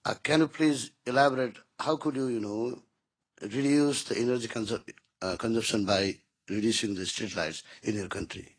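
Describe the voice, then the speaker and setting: A man's voice: mid-range voice, normal speed. A man from Nepal, politely asking a panel a question from the audience.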